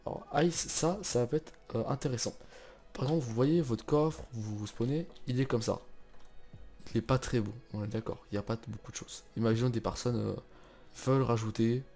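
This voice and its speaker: A young man hosting a casual game server tutorial, chatty and relaxed, with many fillers and restarts. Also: medium pitch, a little fast, soft background music. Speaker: tutorial host.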